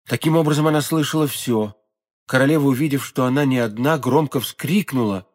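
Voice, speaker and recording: Narrating a classic novel for audiobook, a man speaks at a mid-range pitch, with a steady, expressive storytelling style.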